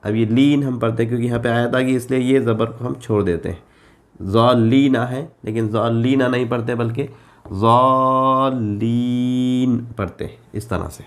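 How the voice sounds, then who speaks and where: A man with an Urdu accent teaching Quran reading in a slow lesson, drawing out the example syllables at length. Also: medium pitch, steady tone, darkish tone.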